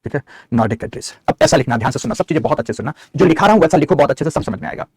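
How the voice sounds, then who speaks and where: A man's voice: on the high side, expressive, rapid-fire, breathy edge, dry recording, clean studio sound. A middle-aged male geography teacher, giving an online map lecture, answering students' chat questions and dictating notes.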